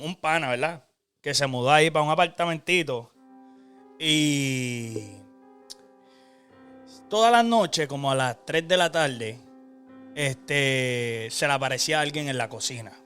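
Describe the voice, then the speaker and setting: A man's voice: fairly high pitch, takes it slowly, pauses often, fairly bright tone, clear, resonant tone, faint music behind. A young Puerto Rican man hosting a casual chat, rambling through a spooky tale with restarts and laughs. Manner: rambling, many restarts and fillers, laughing often. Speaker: host.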